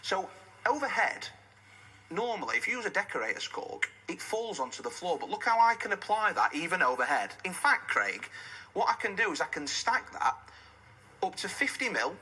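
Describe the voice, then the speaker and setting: A man pitches a product in home shopping host style, with a very bright, forceful and husky voice. His intonation swings up and down as he walks viewers through each step and hammers home the selling points. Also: big pitch swings, moderate pace, poor audio. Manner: instructional, step-by-step, emphatic selling.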